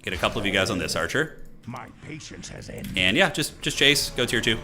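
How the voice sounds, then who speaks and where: A gaming streamer on the low side talks through his own match at a moderate pace with lively intonation. His commentary is casual and full of slang, with occasional mild swearing.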